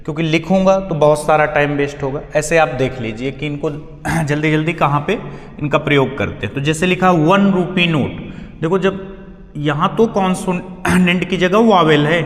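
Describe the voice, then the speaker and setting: A man's voice: a little high, moderate pace. A male teacher giving a grammar lesson, asking questions and answering them himself. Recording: echoey hall sound.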